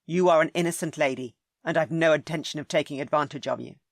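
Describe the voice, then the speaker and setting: Woman doing brooding duke, low, firm, measured, guarded, dry close sound. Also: no echo.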